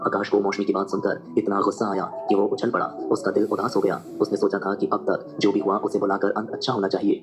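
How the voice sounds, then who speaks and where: A man with a low voice narrates a serialized audio drama at a fast, brisk clip. Soft background music runs under his storytelling. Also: level tone.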